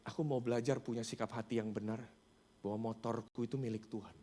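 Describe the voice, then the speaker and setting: A man's voice: mid-range voice, steady tone, quick pace, mellow. A man preaching a sermon, telling a story and acting out its dialogue while he keeps addressing the congregation. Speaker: pastor. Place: church sanctuary.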